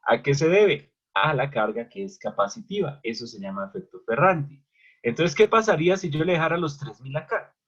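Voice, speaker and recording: A man's voice: fairly high pitch, big pitch swings, moderate pace, fairly bright tone, husky. A man teaching an electrical machines class who keeps asking questions and answering them himself. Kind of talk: online lecture at a whiteboard. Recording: dull lo-fi recording.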